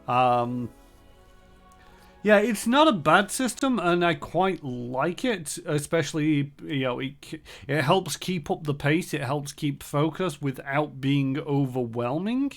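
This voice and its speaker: Man, gravelly voice, rambling gameplay chat, faint game music behind. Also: fairly high pitch, animated, takes it slowly. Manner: rambling, thinking aloud with many fillers. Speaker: streamer. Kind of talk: casual gameplay commentary.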